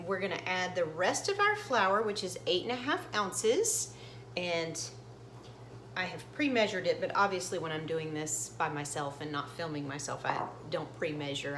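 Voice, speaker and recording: A woman's voice: lowish voice, fairly bright tone, echoey room, slight background noise. A middle-aged woman hosting her own cooking channel in her home kitchen, casually talking through each step as she demonstrates it. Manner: chatty, explains each step as she goes.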